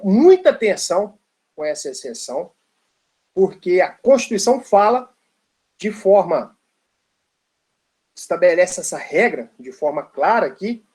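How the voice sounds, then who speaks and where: A man's voice: on the high side, darkish tone. A man delivers an informal law lecture. He tells a playful story with frequent tag questions and asides.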